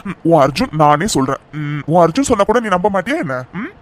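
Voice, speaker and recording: A man's voice: a little high, very animated, quick pace. A man voicing a loving young groom in a cartoon, soothing and coaxing his frightened fiancée.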